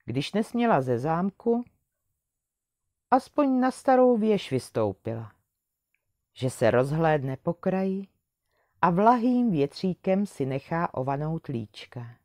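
A woman reading a fairy tale aloud in an expressive storybook manner. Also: on the low side, pauses often, no echo, clean studio sound.

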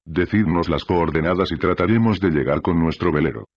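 A man's voice: sits low, a little fast, no room sound, muffled recording. A man voicing a proud, restrained ship captain with an ironic edge in an audiobook. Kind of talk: audiobook character reading.

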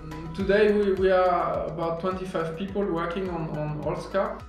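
A man in his thirties talks an audience through his invention from his desk, pausing and restarting often. His voice sits a bit high and rings around a very echoey office. Soft music plays underneath. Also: steady tone, creaky. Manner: halting, many restarts and fillers, earnest. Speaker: engineer and founder of a marine detection product. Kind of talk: explaining a product to camera. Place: office room, indoors.

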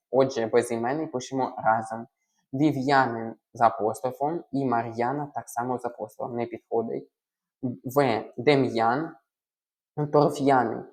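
Methodical male tutor, mid-pitched. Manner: methodical, spells out letters, some hesitations. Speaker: language tutor. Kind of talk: explaining test answers.

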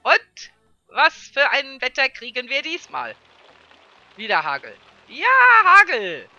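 Woman, let's player, casual gameplay commentary, chatty, high voice, very bright tone. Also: wildly swooping pitch, takes it slowly, no room sound, lo-fi sound, faint music behind. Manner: chatty, talks to viewers, frequent laughs.

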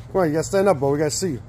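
A man hosting a prank challenge, loudly teasing and laughing as he films his friends. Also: a little high. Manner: laughing, egging people on. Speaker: host filming a challenge. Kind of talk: loud teasing commentary. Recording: noisy background.

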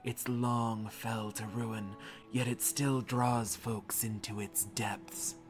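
A man voicing a lonely, talkative old male villager who rambles on with slow, drawling lines. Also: medium pitch, flat delivery, faint music behind, natural voice. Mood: wistful. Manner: drawling, rambling, pun-proud. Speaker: streamer reading game dialogue.

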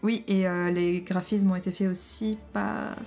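A woman co-hosting an audio commentary in casual chat, talking softly and explaining the jokes with easy laughter. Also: level tone, gravelly, soft background music. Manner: deliberately soft, low-volume talk.

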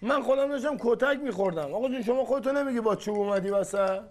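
A hot-headed young man, curt and hostile, speaking in a high voice. He snaps his lines short and sharp, as in a TV comedy drama. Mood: complaining. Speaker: son of the family.

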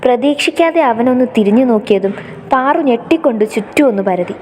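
A woman narrates a story in an expressive, scripted style. Her voice sits a little high and sounds warm and mellow. A long reverb hangs after each phrase. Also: brisk, a little hiss or hum.

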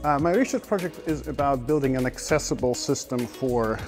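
A man's voice: medium pitch, brisk, a little mellow, soft background music. Earnest middle-aged man explaining research. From Ukraine. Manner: earnest, explanatory, with some fillers. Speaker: research fellow. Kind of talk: prepared talk to camera. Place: indoor greenhouse with plants.

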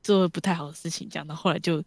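A woman chatting casually, ending her sentences with soft trailing fillers. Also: deep voice, steady tone, racing, vocal fry, no echo. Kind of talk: casual group chat.

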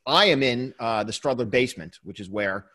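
A man's voice: medium pitch, moderate pace, bright, forceful tone. Chuckling man chatting from his basement. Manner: rambling, with frequent restarts and chuckles. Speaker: podcast co-host. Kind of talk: casual chat. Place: home basement studio.

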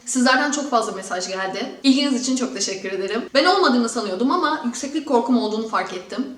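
High-voiced young woman in an echoey room. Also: expressive, fast talker. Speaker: YouTube vlogger and host. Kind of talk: casual vlog talk to viewers. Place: echoey room in a newly moved-into home.

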